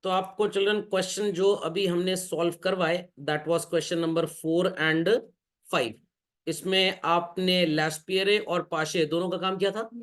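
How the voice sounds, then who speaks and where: The speaker is a male commerce teacher with a high voice, fairly even intonation and a fairly bright tone. He lectures with humor, keeps calling his students children, and throws quick questions to the class.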